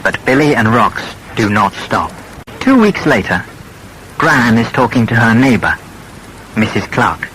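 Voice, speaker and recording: Guy reading an easy storybook for learners, super slow, bright voice, bit of noise. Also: mid-range voice, rough recording. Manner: slow, clear, very expressive. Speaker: reader. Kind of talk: reading a graded reader for learners.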